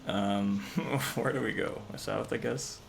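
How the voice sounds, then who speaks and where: A man's voice: mid-range voice, slow pace, vocal fry, soft background music. A man chatting casually while hosting a game livestream, bantering in an exasperated way. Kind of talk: casual gameplay chat.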